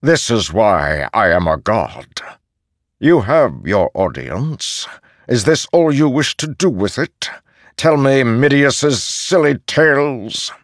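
A man voicing an ancient, arrogant male god-king who speaks in a slow, haughty, commanding way. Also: mid-range voice, big pitch swings, dry recording, clean studio sound, pitched above the performer's own voice. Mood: disdainful.

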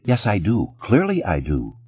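A man's voice: fairly low pitch, huge pitch swings, a little slow, breathy edge, lo-fi sound, pitched above the performer's own voice, heavily acted. A man voicing an indignant, image-conscious ex-wife. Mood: furious. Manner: clipped, indignant, scolding.

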